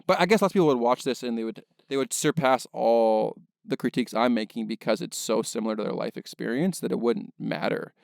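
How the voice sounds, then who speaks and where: A man with a gravelly, creaky edge to his voice talks through a film in a loose podcast chat. He reasons aloud, circling his point with filler words, analytical rather than emphatic. The sound is close and dry, with no room around it. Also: mid-range voice, a little fast, hardly any pauses, dry recording. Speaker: podcast co-host, filmmaker. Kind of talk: casual film discussion.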